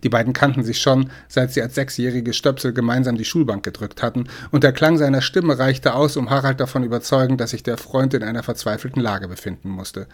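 Guy reading an audiobook aloud, steady and expressive, mid-pitched. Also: a little fast, hardly any pauses. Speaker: audiobook narrator. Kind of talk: scripted narration.

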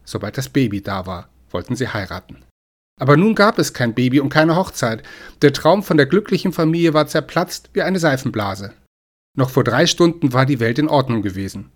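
A man narrating an audiobook in a measured, expressive reading style. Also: mid-range voice. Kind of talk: scripted narration.

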